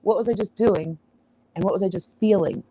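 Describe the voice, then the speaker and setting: A woman's voice: mid-range voice, a little fast, dark tone, breathy edge, poor audio. A woman hosting an astrology livestream, chatting casually on a farm, rambling and sidetracking with frequent laughs. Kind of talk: casual live-stream chat. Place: outdoors on a farm.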